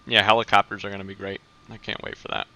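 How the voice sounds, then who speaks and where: Gravelly low-voiced male streamer. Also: fast, dull audio. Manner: relaxed, chatty, answers viewer comments. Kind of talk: casual live-stream chat.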